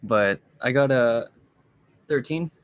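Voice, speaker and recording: A man's voice: medium pitch, takes it slowly, no room sound, highs cut off. A man playing in a tabletop role-playing game, talking casually and tentatively. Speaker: player.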